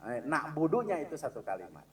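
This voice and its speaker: A man with a Sundanese accent gives a religious lesson in a mosque, his fairly high voice swinging widely in pitch and sounding far from the mic. He blends Sundanese into his Indonesian and keeps asking his listeners questions. As examples, he chants Quranic verses slowly and loudly.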